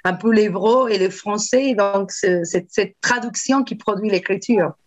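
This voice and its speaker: A woman novelist talking in a casual interview, animated and digressive, with frequent restarts and fillers. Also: medium pitch, unhurried. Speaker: novelist guest.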